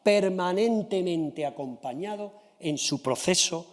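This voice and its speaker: A man giving a formal conference presentation of a study. He addresses the audience politely and checks in often with a quick "¿sí?" or "¿vale?". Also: sits high, animated, big-room sound.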